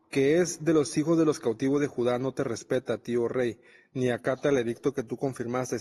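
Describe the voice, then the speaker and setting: A man's voice: mid-range voice, mellow, slightly rough, big-room sound. A man preaching a Bible study, reading scripture and explaining it conversationally.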